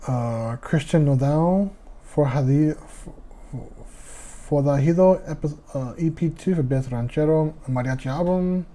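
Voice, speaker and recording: A man with a lisp and a fairly high, warm voice hosts a casual solo music podcast, speaking a little slowly. He rambles, trips over foreign names and calls his listeners "y'all."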